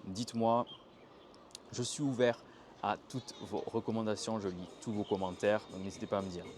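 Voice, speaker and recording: A man's voice: lowish voice, normal speed, noisy background. A young man from France teaching Mandarin tones in a casual, chatty outdoor video lesson, acting out the intonations he describes. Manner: chatty, animated demonstrations of intonation. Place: outdoors by a canal in a Chinese city. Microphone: handheld tripod camera.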